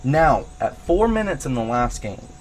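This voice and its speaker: A man's voice: mid-range voice, measured pace, a little hiss or hum. A man hosting a casual commentary on a game replay, thinking aloud as he checks what the player does. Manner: thinks aloud, grows excited at findings. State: has the hiccups. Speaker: host analyzing a match replay.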